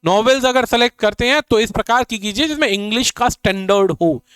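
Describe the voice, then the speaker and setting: A male coaching teacher lectures on exam preparation in a high, smooth, clear voice. He speaks directly to his students and plays out their worries in quoted asides. The sound is dry and close. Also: fairly quick, a bit bright, no echo.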